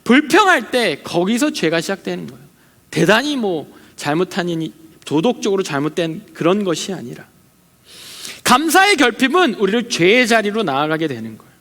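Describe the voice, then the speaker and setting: A man's voice: high voice, big pitch swings, normal speed, fairly bright tone. A young adult man, a junior pastor, giving a sermon at a young adults service. He talks conversationally, tells personal stories, and acts out quoted complaints and prayers. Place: church hall. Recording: long hall reverb.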